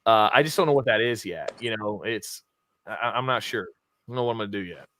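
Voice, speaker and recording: A man talking about his YouTube channel as a guest in a casual interview, energetic and laughing often. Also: lowish voice, fast talker, slight background noise. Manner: energetic self-styled hype talker, laughs often.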